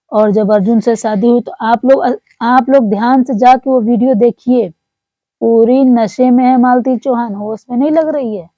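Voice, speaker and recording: A woman's voice: on the high side, dark tone, dry recording. Earnest woman, muffled dry recording. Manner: earnest, repetitive, addresses viewers as friends. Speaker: commentator on online creators. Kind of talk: storytelling commentary to viewers.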